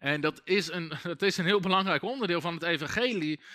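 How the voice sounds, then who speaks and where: High, bright-voiced male preacher. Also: brisk, no echo. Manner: conversational, many asides and restarts. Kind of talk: sermon.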